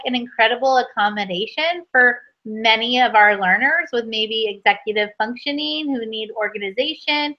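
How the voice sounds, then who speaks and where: A woman's voice: on the high side, muffled recording. A woman workshop host giving articulate, encouraging feedback on a teacher's lesson. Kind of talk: supportive feedback in an online workshop.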